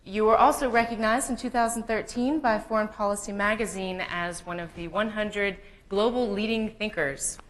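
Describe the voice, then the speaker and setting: A woman moderating a conference panel who introduces a guest and asks a question, pausing often with fillers. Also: medium pitch, low-quality recording. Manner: hesitant, laughing, many fillers.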